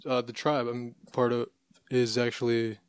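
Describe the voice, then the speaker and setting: A man in casual podcast conversation, easygoing and thoughtful, often pausing on fillers as he explains. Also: medium pitch, level tone, clear, resonant tone, no room sound, studio quality. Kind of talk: casual chat.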